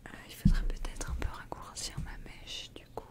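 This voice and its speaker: A young woman whispering as a salon client in a role-play, soft and easygoing, close to a microphone in a small room at home. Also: normal speed. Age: young adult. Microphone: large mic close in front.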